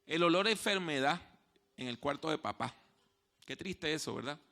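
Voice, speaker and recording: This storytelling pastor's sermon in church comes in an animated, high and piercingly bright male voice. Quiet, hushed stretches give way to loud, raised passages, and he slows to repeat his key points with emphasis.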